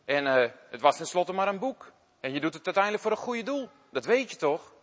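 Kind old-fashioned teacher talking a kid round gently, man doing it, echoey hall. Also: high-pitched, sing-song, brisk, slight background noise. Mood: gentle. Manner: gentle, coaxing. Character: kind, patient male schoolteacher. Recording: long hall reverb.

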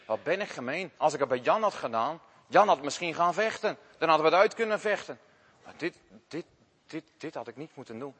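A man's voice: high-pitched, lively intonation, a little fast, a bit bright, slightly rough, voice pushed up, exaggerated voice. A man voicing a remorseful schoolboy who hesitates and stammers over his words. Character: remorseful schoolboy with a guilty conscience. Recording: long hall reverb.

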